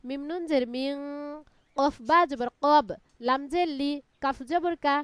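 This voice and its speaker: A woman's voice: high voice, unhurried, no echo. A woman teaching Quran reading in a live online class, chanting Arabic letters syllable by syllable and explaining recitation rules. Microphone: online class call.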